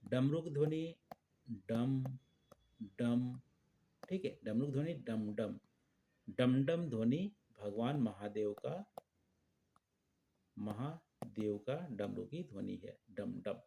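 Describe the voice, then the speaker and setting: Guy teaching a kids lesson, slow and deliberate, keeps repeating stuff and asking "ok?". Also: mid-range voice, expressive, vocal fry, dark tone, slight background noise. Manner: slow and repetitive, checking with frequent questions. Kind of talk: explaining a school textbook lesson.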